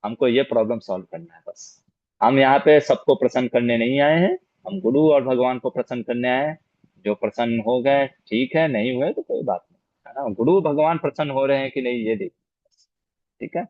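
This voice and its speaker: A man's voice: mid-range voice, moderate pace, dry recording. A man leads a scripture class and answers students one by one, patient and explanatory. He keeps checking that they follow. His voice is dry and close, with dull audio that has little top end. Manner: patient, explanatory, repeats key points with rhetorical "है ना?". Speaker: spiritual teacher leading a scripture class. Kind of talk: Q&A after a scripture lecture.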